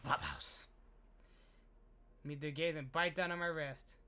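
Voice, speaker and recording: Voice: medium pitch, fairly even intonation, measured pace, bright, forceful tone, smooth. A streamer narrating a game playthrough, reading the game text aloud and joking between lines. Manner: reads the game text aloud and jokes, laughing often. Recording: voice over faint game music.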